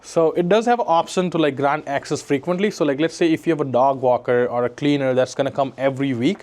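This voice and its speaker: On location around a residential building, from the lobby to the parkade, an installer gives a casual demonstration walkthrough, explaining as he goes. He talks fast in a mid-range, slightly mellow male voice, often checking in by tagging sentences with "right?"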